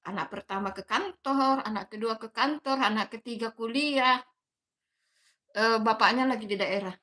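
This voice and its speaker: A woman in her fifties with a Makassar Indonesian accent hosts a casual phone livestream from her bedroom. Her voice sits high and sounds bright and forward. She reads out viewer comments in a chatty, motherly way and often laughs between remarks. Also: normal speed. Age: 50s. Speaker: livestream host. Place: bedroom at home.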